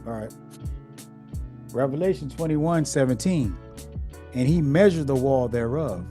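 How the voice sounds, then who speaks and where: A man's voice: medium pitch, lively intonation, measured pace, warm tone, soft background music. A man reading Bible verses aloud in a study group, with playful asides between passages. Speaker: scripture reader.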